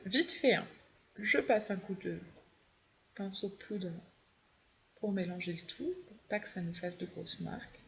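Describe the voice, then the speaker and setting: Young woman, makeup tutorial voice-over, chatty, mid-pitched. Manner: chatty, fond of her favorite products. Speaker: beauty vlogger.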